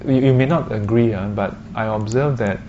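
Someone with a Singaporean accent speaking casual colloquial Singlish while gently advising a group. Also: medium pitch, normal speed. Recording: noisy, muffled live room recording.

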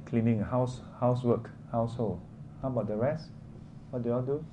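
Here a man with a Singaporean or Malaysian accent teaches informally, keeping things conversational and popping short questions with local particles. His mid-range voice moves at normal speed, though the recording has its highs cut off. It's an interactive lesson set against clearly noisy room ambience.

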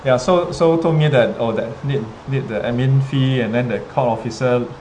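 A man with a Singaporean accent tells a story casually as a livestream host, pausing and repeating himself often as he talks to his viewers. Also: mid-range voice, a little mellow. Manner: hesitant, halting, with frequent pauses and repetitions. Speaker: livestream host, teacher addressing students. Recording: clearly noisy ambient background. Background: ambient noise, rain.

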